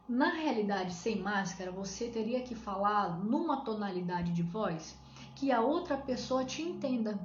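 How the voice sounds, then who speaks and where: A woman with a Brazilian accent coaching her listeners through practical steps, often asking a question and answering it herself. Her voice sounds roomy and echoey. The recording is dull and lo-fi with a faint hiss behind it. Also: a little high. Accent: Brazilian Portuguese. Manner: explains step by step with rhetorical questions. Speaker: coach on shyness. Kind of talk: live-stream advice talk.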